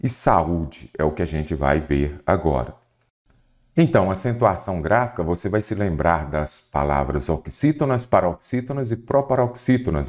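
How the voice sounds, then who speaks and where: Brazilian guy teaching grammar for exams, low voice, keeps quizzing you. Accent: Brazilian Portuguese. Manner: didactic, questioning the viewer, lively emphasis. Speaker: Portuguese teacher. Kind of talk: exam prep lesson.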